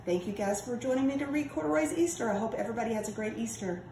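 A woman reads a children's book in an expressive storytime voice, fairly high in pitch. She addresses young listeners directly. The sound is roomy and a little distant from the mic, with some light background noise. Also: fast. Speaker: storytime reader. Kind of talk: storytime voice, reading a children's picture book aloud. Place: indoors at a table by a window in a home room. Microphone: camera or phone a few feet away.

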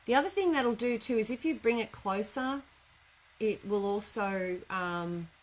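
This is a casual live tutorial: a middle-aged woman teaching a craft class in an indoor studio workroom, speaking informally and drifting a little as she goes. Her medium-pitched voice is expressive and unhurried. The recording is low quality, with noticeable room noise in the background.

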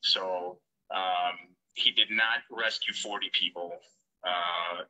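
A man calling in, heard through a phone on speaker, talking in a halting, indignant way with many fillers. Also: low voice, fairly even intonation, sharp tone. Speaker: guest calling in. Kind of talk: casual recounting on a live stream. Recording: dull lo-fi phone sound.

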